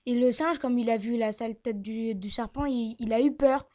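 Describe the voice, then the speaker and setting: A woman's voice: fairly high pitch, moderate pace. A woman telling a folk tale aloud, with frequent hesitations. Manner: lively, hesitant with fillers. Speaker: storyteller.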